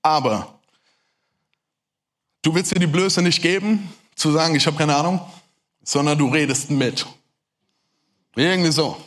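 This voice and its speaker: A high-voiced man with a German accent preaches to a crowd at a quick clip. He talks to his listeners directly, tossing them questions as he goes. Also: fairly bright tone. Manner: fast-talking, addresses the audience directly. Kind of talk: lively sermon talk to a crowd.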